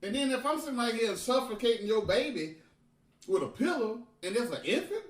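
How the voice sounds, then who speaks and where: A man telling a profane, animated story on a podcast and laughing often. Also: extremely high pitch, brisk, recorded from a distance. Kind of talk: casual storytelling. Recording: echoey room, off-mic.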